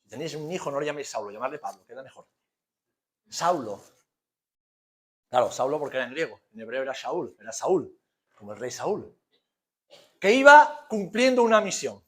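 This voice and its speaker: With a medium-pitched, slightly bright and sing-song voice, a male pastor from Spain talks through a sermon at normal speed, pausing often. He poses rhetorical questions, repeats himself emphatically and jokes colloquially, all in a Spanish accent from Spain.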